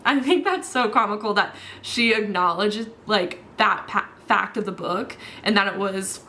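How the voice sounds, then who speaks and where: A woman's voice: medium pitch, measured pace, sharp tone. A young woman chatting casually in a book vlog, exasperated and full of "like". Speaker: book vlogger.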